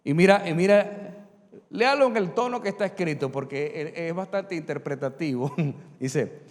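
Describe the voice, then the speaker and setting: A man's voice: fairly high pitch, moderate pace. A middle-aged man preaching a sermon as pastor, acting out Bible dialogue in changed voices and calling on the congregation to repeat after him. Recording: long reverb of a large hall.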